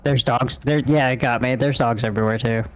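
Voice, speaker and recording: A man's voice: medium pitch, fairly even intonation, fairly quick, clear, resonant tone. A man giving short, offhand updates to a teammate during a game. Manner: terse, offhand, swears casually. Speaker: co-op game partner. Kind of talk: casual co-op gameplay chat.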